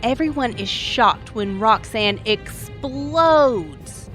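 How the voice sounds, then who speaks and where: A woman narrates a scripted tale as the show's host, her voice sitting a little high. She tells it wryly, with dramatic turns. Quiet music plays underneath. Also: lively intonation, very slow. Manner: wry, dramatic storytelling. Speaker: story podcast host.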